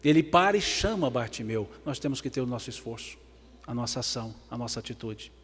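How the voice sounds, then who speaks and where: A man with a Brazilian Portuguese accent giving a religious lecture, swinging between emphatic loud passages and hushed ones. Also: medium pitch, expressive, brisk, husky. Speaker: spiritist lecturer. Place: large event hall. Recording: long hall reverb.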